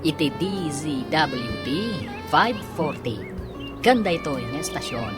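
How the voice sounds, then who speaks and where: A man's voice: on the high side, expressive, a little slow, music in the background. A man with an Ilocano accent announcing a radio drama and reading its credits in scripted narration.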